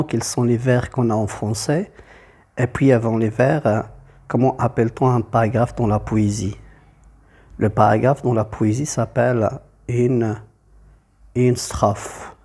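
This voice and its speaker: Male teacher, husky and mellow, methodical, flat delivery. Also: medium pitch. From Morocco. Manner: methodical, repeats key points. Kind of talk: classroom lesson on poetry.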